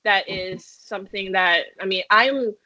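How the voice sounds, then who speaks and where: This metal band singer, a young woman from Malaysia, speaks at medium pitch and a measured pace in a pushed, bright voice. She answers interview questions chattily, laughing often and filling her speech with fillers and restarts, on a dry, dull lo-fi recording.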